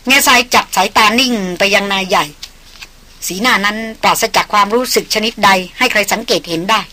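A woman narrating a novel as an audiobook in a steady, measured reading. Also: mid-range voice.

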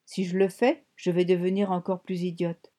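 Brief: a woman doing a scared teenage girl, stammering and plaintive, mellow tone, storybook. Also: lowish voice, level tone, moderate pace, natural voice. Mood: frightened. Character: frightened teenage girl, timid and tearful.

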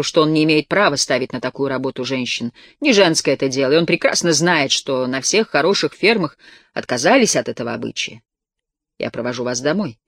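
A man reading the lines of an ingratiating, persuasive wealthy young gentleman in an audiobook. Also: mid-range voice, dry recording, studio quality.

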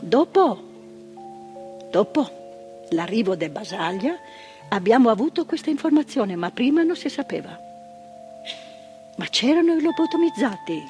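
Soft music plays behind an actress performing a stage monologue as an older woman, formerly an asylum ward worker, indignantly recalling the past. Her fairly high voice has big pitch swings, a slightly slow pace and long pauses, shifting from hushed storytelling to emphatic outbursts.

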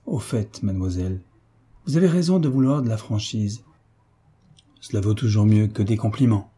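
A man voicing a courteous young officer who teases gently at a ball. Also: fairly low pitch, moderate pace, slightly rough. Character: young male officer, polite and teasing.

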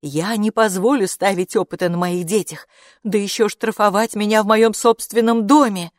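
A woman's voice: medium pitch, steady tone, normal speed, no room sound, studio quality, voice pushed up, natural voice. A woman reading an audiobook, voicing an indignant, worried mother who protests sharply. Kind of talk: audiobook character voice.

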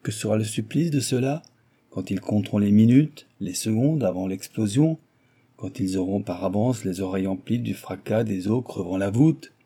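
A man's voice: lowish voice, moderate pace, mellow, husky. A man voicing a cruel young Japanese villain who talks in a sneering, menacing way, for an audiobook. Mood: cold menace.

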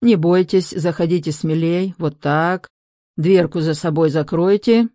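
A woman voicing a loud, indignant middle-aged man who rants and threatens to sue. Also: lowish voice, measured pace, dry recording, clean studio sound, natural voice. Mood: mock-pompous. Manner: blustering, shouting, threatening.

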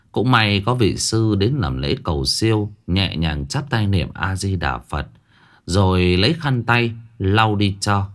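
A man narrating a scripted ghost story in a dramatic storytelling manner, dropping his voice low for the eerie parts. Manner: dramatic, lively storytelling with sudden hushed drops.

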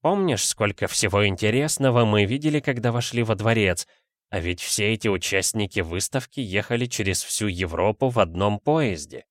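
A man voicing a gruff, unflappable male stoker who grumbles short, curt lines. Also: mid-range voice, normal speed, few pauses, no echo, clean studio sound, natural voice. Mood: muttering.

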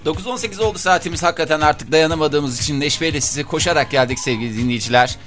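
A man's voice: a little high, fast, music in the background. A man hosting a morning radio show, bantering playfully with a co-host and reciting mock-grandiose slogans in a theatrical manner.

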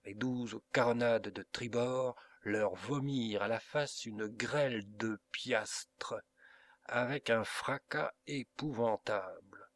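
A man narrating a classic adventure novel as an audiobook reader, in an expressive, dramatic storytelling manner. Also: medium pitch, slow pace, dry recording.

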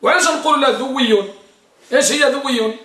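A man's voice: very high-pitched, a little fast, a bit bright, roomy sound. A man teaching Arabic grammar. He quizzes his students and stretches out words to drive a point home. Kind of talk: Arabic grammar lesson with question-and-answer drill.

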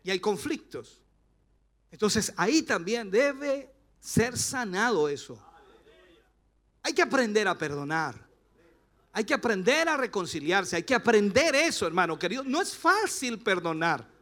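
A middle-aged man with a Chilean accent, preaching a sermon as pastor, passionate and rising to shouts. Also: high-pitched, very animated, a little slow.

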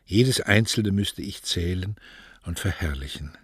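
A man voicing a wistful young woman in love, speaking softly and hushed. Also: deep voice, expressive, unhurried, husky, no echo, studio quality, full character voice. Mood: dreamy. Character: dreamy lovestruck young woman.

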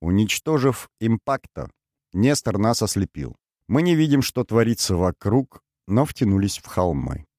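A grave mercenary colonel with a deep, low voice, slow and measured and always deferential to his king, as a male reader puts him on. The recording is dry and close. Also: very animated, darkish tone, dry recording. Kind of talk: audiobook character voice.

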